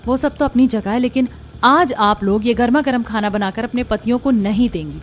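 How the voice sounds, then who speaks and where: A woman's voice: on the high side, brisk, close to an everyday voice. A woman voicing a young outspoken daughter-in-law in a cartoon, speaking firmly and asking pointed questions. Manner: firm and questioning. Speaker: voice actor. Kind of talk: cartoon voice acting.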